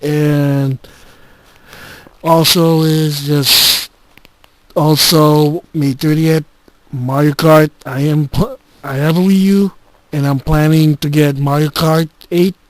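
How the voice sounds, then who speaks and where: A man giving a casual gaming channel update, recorded on a handheld game console's voice recorder like a dictaphone, halting and restarting often. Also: a little high, fairly even intonation, dry recording. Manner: halting, with frequent restarts and filler words. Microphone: handheld game console's built-in recorder.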